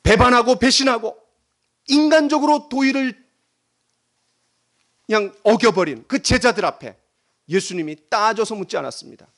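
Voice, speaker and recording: A man's voice: extremely high pitch, normal speed, pauses often, a bit bright. A man preaching a Sunday sermon as pastor, dramatically acting out the voices in the quotes he tells. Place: church sanctuary.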